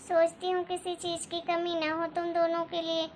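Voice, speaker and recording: A woman voicing a gentle, motherly mother-in-law who frets softly in a cartoon story. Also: very high voice, monotone, moderate pace, a little hiss or hum. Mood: worried. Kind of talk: Hindi cartoon story dialogue.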